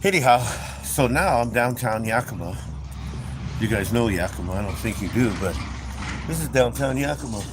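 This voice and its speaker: A middle-aged man on a livestream, chatting in a rambling, casual way as he tells stories and points out sights while driving through town. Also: fairly low pitch. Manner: rambling, chatty, with frequent "anyway" and "um". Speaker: livestream host. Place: in a car on city streets. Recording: street traffic noise. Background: traffic and city ambience.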